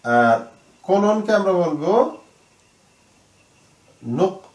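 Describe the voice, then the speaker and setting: A man teaching Arabic grammar in Bengali, explaining slowly with many fillers and repeated words. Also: high voice, very animated, roomy sound.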